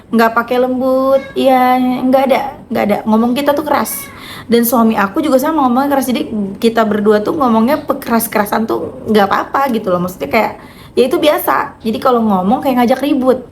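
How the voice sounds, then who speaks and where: Lady vlogging, talks loud and quick and kinda blunt, like she's scolding but she isn't, faint room hiss. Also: on the high side. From North Jakarta, Indonesia. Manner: loud, fast, blunt way of talking. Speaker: vlogger and author. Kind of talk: casual chat to viewers.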